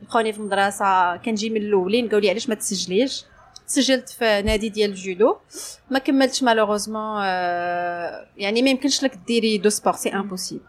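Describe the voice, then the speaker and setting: Speaking fast in a mid-range voice, this interview guest, a sports journalist with a Moroccan Arabic accent, recounts her story in a relaxed way. She mixes French phrases into what she says.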